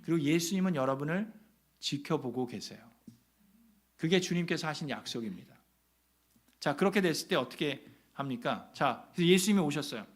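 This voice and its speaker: Man pastor, high voice, revival sermon; dramatic storyteller, asks the church questions, drops to a hush then builds back up. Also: lively intonation, brisk. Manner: dramatic storytelling, rhetorical questions, swings from loud to hushed. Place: church sanctuary.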